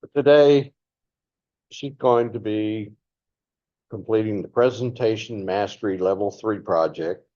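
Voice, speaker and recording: A man's voice: lowish voice, measured pace, pauses often, mellow, muffled recording. A man hosting a meeting and introducing the next speakers in a brief, matter-of-fact way. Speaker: meeting host.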